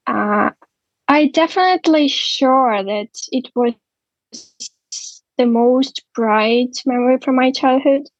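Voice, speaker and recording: Young ukrainian woman, slow halting talk, highish voice, dry muffled sound. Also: no room sound. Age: 20s. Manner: slow, halting, many pauses and fillers. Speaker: guest. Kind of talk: interview testimony.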